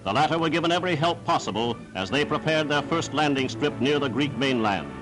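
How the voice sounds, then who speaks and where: A man narrates a wartime 1940s newsreel in a fairly high voice, with prominent music behind him. His delivery is formal and declamatory, every sentence read from a script as a proclamation. The sound is that of a period film soundtrack. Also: animated, a little fast, rough recording.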